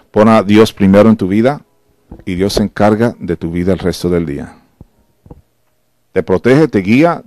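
A man's voice: fairly low pitch, darkish tone, dry recording. A male pastor preaching a sermon in a conversational, exhortative way and often asking the congregation questions.

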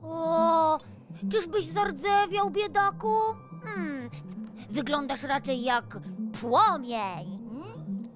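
A woman voicing Urania, a curious, cheerful young girl astronaut in a children's cartoon, excited and full of questions. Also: very high-pitched, drawn-out words, heavily acted. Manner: excited, exclaiming and asking questions. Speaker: main character. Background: music.

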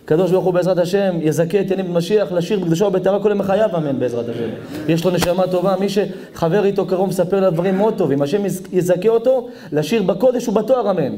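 A man, a rabbi, giving a sermon, swinging between high shouts and low murmurs. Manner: acts out quoted prayers with expressive intonation. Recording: echoey hall.

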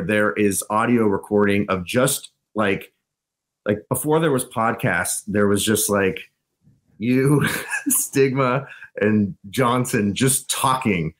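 A man's voice: on the low side, slow pace, fairly bright tone. A man, a band frontman, chatting as a podcast guest and telling stories loosely, with lots of fillers and restarts. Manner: loose, rambling storyteller with many fillers. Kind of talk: casual podcast chat.

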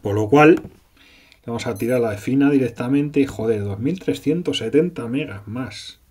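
A man's voice: mid-range voice, moderate pace, warm tone, breathy edge. A man from doing casual, sarcastic gameplay commentary, swearing freely as he retells the story.

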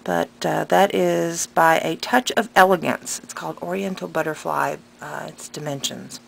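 A woman with a low voice and fairly even intonation speaks at a normal speed in a casual craft vlog. She's a pattern seller doing unscripted show-and-tell, rambling and hesitant but enthusiastic, her speech slightly impeded by a tongue piercing. The clip is recorded at a craft table at home, with clear noise throughout.

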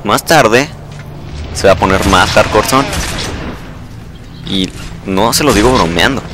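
A young man, casually commentating live gameplay, excitable and repeating words in bursts. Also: lowish voice, measured pace, background noise.

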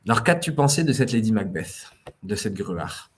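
Low-voiced man explaining, halting. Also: very animated. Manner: explanatory, hesitant with many fillers. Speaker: podcast co-host. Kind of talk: literary discussion.

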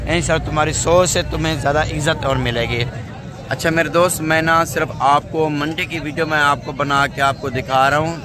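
A male vlogger with a high-pitched voice speaks emphatically and repetitively to the camera at an open-air livestock market, calling viewers "brother." He records on a phone held at arm's length, with busy outdoor crowd noise all around.

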